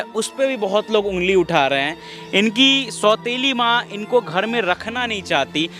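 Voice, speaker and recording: A man's voice: sits high, pushed and bright. A man hosting a staged street video who questions a woman and urges her to talk to her family. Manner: reassuring, urging. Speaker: host of a staged help video. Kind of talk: on-camera street interview.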